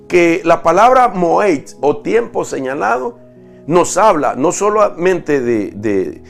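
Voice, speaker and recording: A man's voice: a little high, vocal fry. A man preaching a sermon-style Bible lesson, explaining step by step with restarts and rhetorical questions. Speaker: apostle preaching.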